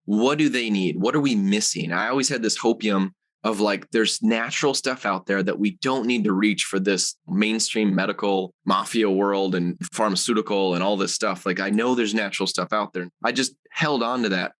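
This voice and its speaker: A man's voice: on the low side, moderate pace, few pauses. A man, a guest on an interview podcast, telling personal stories in a casual, rambling way with lots of fillers. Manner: animated, rambling with many fillers. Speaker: guest, supplement company founder.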